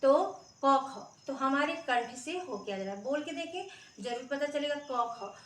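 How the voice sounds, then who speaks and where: A woman's voice: high voice, lively intonation, moderate pace. A woman teacher giving a grammar lesson to children, patiently sounding out letters and often checking that everyone is following. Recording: roomy echo, mic far off.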